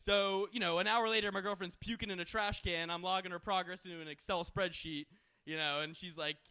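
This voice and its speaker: Young male stand-up comic, high voice, brash crude crowd banter. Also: steady tone, fairly quick, bright, forceful tone, clear, resonant tone. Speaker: stand-up comedian. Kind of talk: stand-up comedy set.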